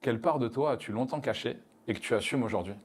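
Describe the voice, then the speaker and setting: A man's voice: medium pitch, fast, husky. A man hosting a podcast interview, asking direct questions in a conversational way. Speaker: podcast host.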